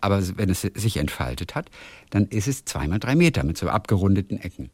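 A male podcast host chats casually and tells stories with lots of melody in his voice. His delivery is animated, and he reads listener messages aloud. The recording is close and dry, with no room sound. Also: sits low, fast, slightly rough, dry recording. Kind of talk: casual chat.

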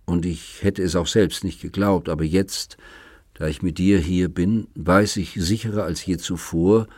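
A man voices a lonely old suitor of nearly eighty, earnest and long-winded as he pleads his case in an audiobook. His voice sits low and husky. The sound is dry and close. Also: a little mellow, no room sound. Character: lonely, talkative man of seventy-seven, courting. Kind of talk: audiobook reading.

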